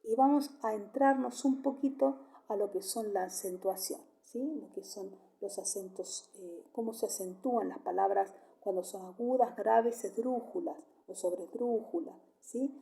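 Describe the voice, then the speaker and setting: A woman teaching a Spanish grammar lesson, patiently checking in with a rising question and repeating example sentences slowly. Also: medium pitch, gravelly, warm tone. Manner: affectionate sign-off with a kiss.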